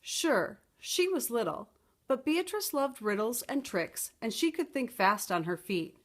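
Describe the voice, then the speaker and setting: With a fairly high voice and an unhurried pace, a woman reads a picture book to children in the manner of a storytime teacher, full of expression and explanation.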